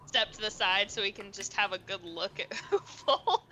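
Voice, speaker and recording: Slow, bright-voiced giggly woman player. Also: medium pitch, expressive, a little hiss or hum. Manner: giggly, chatty, laughs often. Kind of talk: tabletop role-play in character.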